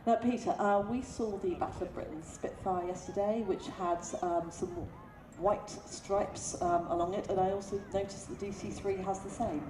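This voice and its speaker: A woman's voice: medium pitch, steady tone, moderate pace, far from the mic. Female airshow commentator, live crowd address, echoing outdoor PA, noisy ambience. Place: outdoor air festival over loudspeakers. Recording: echoey PA with clear background noise.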